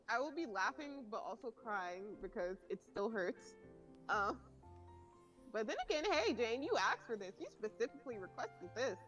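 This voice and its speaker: A woman's voice: a little high, muffled recording. A woman co-streamer in casual chat, teasing and blunt, laughing often.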